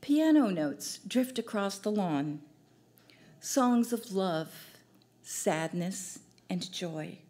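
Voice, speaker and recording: Older woman, poetry reading, unhurried, gentle measured delivery, small cafe stage, stand mic. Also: mid-range voice, lively intonation. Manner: slow, gentle, measured recital. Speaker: poet at an open mic. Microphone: stand mic at a distance.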